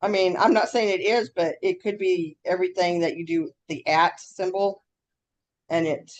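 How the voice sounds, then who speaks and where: A woman with a slightly low voice co-hosts a casual podcast. Her R's come out close to W's. She reads news items and comments on them in a scattered, easily sidetracked way. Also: fairly even intonation, moderate pace, slight background noise. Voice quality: trouble saying R's, w-like R sounds. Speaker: podcast co-host.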